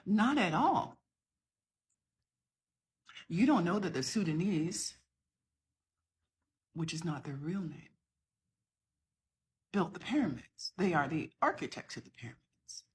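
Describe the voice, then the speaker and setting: A woman's voice: fairly low pitch, sing-song, slow, long pauses, breathy edge. A middle-aged woman from the southern United States, talking to camera in an impassioned, emphatic rebuttal to another video. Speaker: social media creator.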